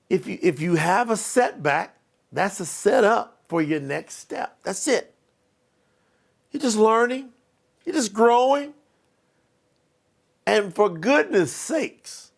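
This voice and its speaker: A man's voice: high-pitched, gravelly. A man giving an emphatic, preachy motivational training talk as a life coach.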